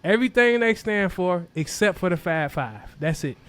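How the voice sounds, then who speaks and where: A young man co-hosting a sports podcast rants emotionally about a rival team, cursing as he goes in casual sports chat. His voice sits high and is expressive and fairly bright, at a moderate pace.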